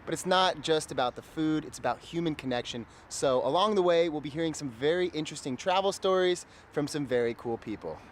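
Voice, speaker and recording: A man hosting a vlog, presenting in a friendly, lively way. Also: a little high, a little fast, few pauses, noisy background. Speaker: vlog host.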